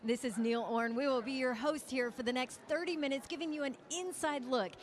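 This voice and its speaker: A woman's voice: high voice, fairly quick. A woman co-hosting a live red carpet broadcast in a gushing, upbeat presenter manner. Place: outdoors at a red carpet event.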